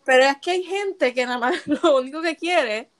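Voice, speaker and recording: A woman's voice: sits high, normal speed. A young Puerto Rican woman co-hosting a podcast, chatting casually in Spanglish and often checking that she's being understood. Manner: Spanglish, switching between Spanish and English mid-sentence; often checks she is understood with short tag questions. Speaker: podcast co-host. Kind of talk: casual chat.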